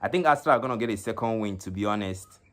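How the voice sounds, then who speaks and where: A man hosting a live stream and commentating an esports tournament, talking haltingly with many fillers and repeated words into a phone. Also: fairly low pitch, fairly bright tone.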